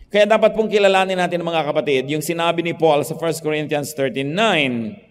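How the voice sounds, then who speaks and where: A male pastor preaching a sermon, moving between quiet stretches and emphatic points. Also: on the high side, fairly quick, long reverb tail. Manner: preaching in Tagalog mixed with English, swinging from soft to emphatic.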